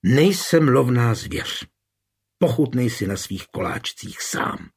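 A man reading the part of a proud, quick-tempered young woman in an audiobook, with a husky voice. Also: mid-range voice, big pitch swings. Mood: angry.

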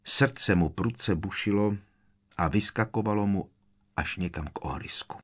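A man reading a story aloud as narrator, in a measured, dramatic way. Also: lowish voice. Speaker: audiobook narrator. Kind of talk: scripted narration.

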